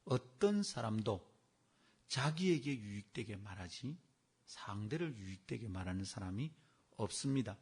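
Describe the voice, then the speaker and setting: A gravelly, husky man preaches a sermon. His pitch rises and falls with animation, and he swings from hushed to loud. At times his voice sounds a bit far from the mic. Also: very animated, unhurried. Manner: acts out conversations, swings from soft to loud. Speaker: pastor.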